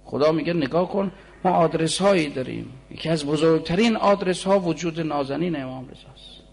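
A man in his forties delivering a sermon with a gravelly, raspy edge to a voice that sits a little high for a man. He talks to the listeners in an easy, conversational way, then slows right down to chant lines of verse in long, drawn-out phrases. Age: 40s. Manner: shifts between conversational preaching and slow, drawn-out chanting of poetry. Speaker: preacher.

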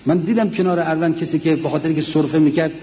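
A man's voice: a little high, steady tone. An older man, a war veteran, earnestly telling memories of his comrades to a mosque audience. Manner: earnest storytelling, quoting comrades. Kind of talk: memoir talk to a mosque audience. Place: large mosque hall. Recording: echoey, dull lo-fi hall recording.

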